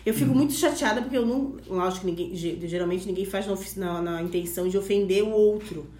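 A woman's voice: medium pitch, quick pace, reverberant. A middle-aged woman, a teacher chatting casually and telling a story with lots of quoted dialogue. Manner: animated storytelling, quoting herself. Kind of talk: casual chat.

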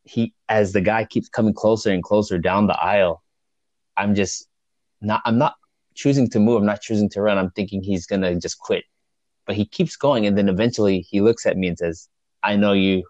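A man casually recounting a story as a guest, with halting restarts and frequent chuckles. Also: fairly low pitch, a little mellow, no room sound. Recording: dull lo-fi dry recording.

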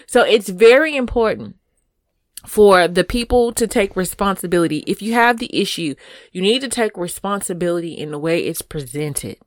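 A woman's voice: lowish voice, expressive, normal speed, dry recording. A woman in her thirties chatting casually as a podcast co-host, speaking frankly and with emphasis, often checking in with "right?". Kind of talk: casual chat.

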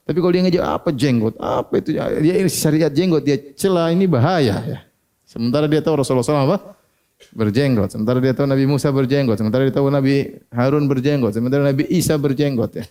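A man's voice: mid-range voice, fast talker, dark tone. A man giving a religious lecture, who keeps asking his listeners questions and answering them himself. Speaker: Islamic preacher.

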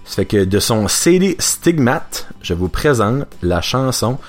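A man's voice: medium pitch, big pitch swings, unhurried. A man hosting a casual radio show, chatting and slipping English words and slang in as he introduces songs.

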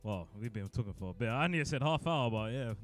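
A man's voice: medium pitch, expressive, fast talker, faint music behind. A man chatting casually as a radio co-host and DJ, often chiming in with agreement. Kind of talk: casual chat.

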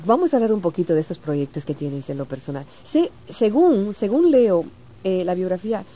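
Lively, effusive woman radio host. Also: on the low side, moderate pace. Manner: effusive, affectionate. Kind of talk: radio interview. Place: radio studio in New York.

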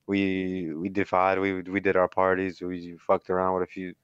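A young man with a low, smooth, resonant voice chats on a podcast. He is relaxed and slangy, and swears freely. The recording is slightly dull and dry. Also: normal speed, dry recording. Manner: laid-back, slangy, profane. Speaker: podcast host. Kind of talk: casual chat.

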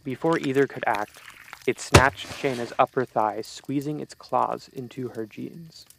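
A man reading a scripted horror story in a steady, measured storytelling way. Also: mid-range voice, gravelly, slight background noise, low-quality recording. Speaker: narrator.

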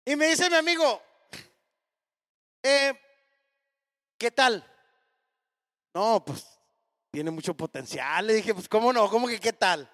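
A man in his thirties, a pastor telling a personal story in a sermon and acting out the dialogue with lively energy. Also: high voice, takes it slowly, long pauses. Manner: animated, acts out dialogue in the story. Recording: hall reverb.

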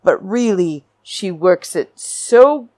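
A woman hosting a podcast, giving a chatty, opinionated recap monologue with theatrical, drawn-out emphasis and fond addresses to her listeners. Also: medium pitch, animated, dark tone, no room sound. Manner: opinionated, blunt. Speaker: podcast host.

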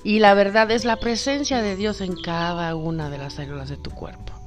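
A woman from Cuba giving a spiritual motivational talk, affectionate and coaxing, often dropping to a hush and calling the listener sweetheart. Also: on the low side. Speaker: spiritual guide.

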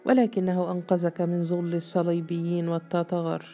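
A woman voicing a patient older sheikh who calmly counsels endurance. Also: sits high, a little fast, faint music behind.

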